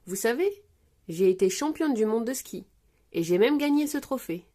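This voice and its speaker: A woman voicing a gentle, polite gazelle schoolteacher in a storybook reading. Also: fairly high pitch, animated, moderate pace. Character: graceful gazelle teacher, gentle and modest.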